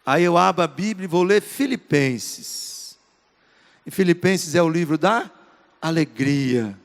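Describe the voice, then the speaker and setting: A middle-aged Brazilian pastor preaches with a high, ringing voice, his words trailing off into the long reverb of a large church hall. He is earnest and emphatic, repeating short phrases to drive his points home. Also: animated, a little slow. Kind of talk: sermon.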